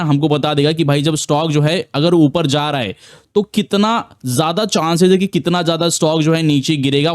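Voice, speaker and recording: A man's voice: a little high, darkish tone, no echo, clean studio sound. A man giving a casual, repetitive screen-share trading tutorial, full of fillers and restarts. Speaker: trading educator.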